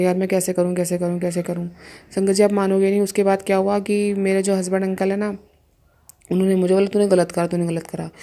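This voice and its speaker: With a warm mid-range voice, a young devotee tells her story to a congregation as an emotional testimony, addressing her listeners again and again.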